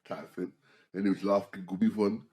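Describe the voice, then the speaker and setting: A man's voice: low voice, brisk. A young man, telling a story in casual slang and acting out the people in it as a podcast co-host. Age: young adult. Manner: animated storytelling in slang, quoting others. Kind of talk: casual chat. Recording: echoey room.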